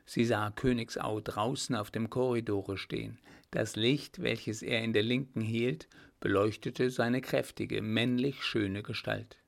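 A man reading a historical novel aloud as an audiobook narrator, in steady storytelling. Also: unhurried, vocal fry, hardly any pauses. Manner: steady storytelling, voicing characters with small lifts in pitch.

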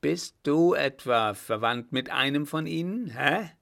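A man voicing a blustering, gruff old field marshal who bellows brusquely. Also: a little high, expressive, a little slow, fairly bright tone, pitched above the performer's own voice, exaggerated voice.

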